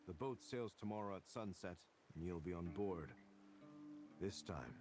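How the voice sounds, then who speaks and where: An actor playing a composed, commanding man in a martial arts game, speaking in a measured, assured way. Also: low-pitched, music in the background. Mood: cool, assured. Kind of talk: scripted game voice acting.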